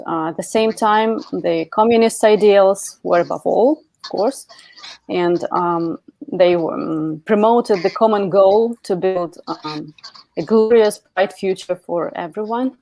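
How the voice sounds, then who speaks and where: A woman's voice: on the low side, a little mellow, no room sound, poor audio. Woman panel host, from the Soviet Union, hesitant and thoughtful, dry close sound. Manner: thoughtful, hesitant, many fillers. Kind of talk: online panel discussion.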